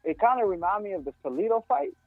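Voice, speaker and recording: A man's voice: sits high, big pitch swings, fast, faint music behind. A man talking boxing as a co-host, hesitant and searching for words. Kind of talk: casual sports talk. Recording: tinny phone line, very dry.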